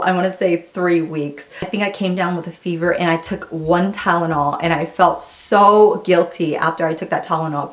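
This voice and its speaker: A woman in her thirties giving a candid, chatty pregnancy update to her viewers. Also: on the low side. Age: 30s. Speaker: vlogger. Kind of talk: casual pregnancy update vlog.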